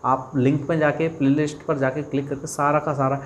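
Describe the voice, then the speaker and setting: Higher-voiced male biology teacher. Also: level tone, a little fast, slight background noise. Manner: asks questions and answers them himself, repeats key terms. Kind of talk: exam-prep lecture.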